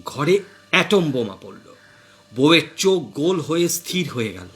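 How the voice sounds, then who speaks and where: A man tells a comic domestic story with dry, wry asides. His voice is bright and lively. He drops low and quiet for the punchlines. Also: moderate pace. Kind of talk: comic short story narration.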